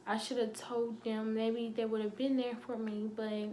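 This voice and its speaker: A young woman telling a painful personal story, halting with many fillers and fighting back tears. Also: fairly high pitch, little pitch movement, mellow, a little hiss or hum. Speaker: vlogger.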